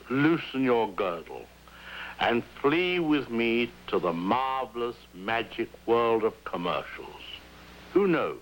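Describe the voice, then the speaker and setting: A man hosting a television show in a dry, deadpan and formally droll manner, heard through an old 1950s television broadcast with a faint hum. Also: on the low side, poor audio. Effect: old 1950s television broadcast sound with faint hiss and hum. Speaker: television host. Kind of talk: scripted wry host introductions.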